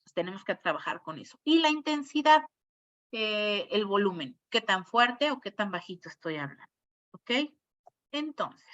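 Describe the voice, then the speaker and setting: A woman's voice: mid-range voice, very animated, normal speed, fairly bright tone. A woman, a speech therapist giving an informal talk, explaining step by step and checking in with her listeners. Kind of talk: informal online lecture. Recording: muffled lo-fi audio.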